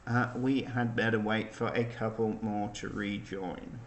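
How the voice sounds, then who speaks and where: A man hosting an online quiz in a dry, deadpan way, his voice sounding like it is in a cave because of a makeshift backup mic. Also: lowish voice, a little slow. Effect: cave-like echo. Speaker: quiz host. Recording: echoey room, far from the mic.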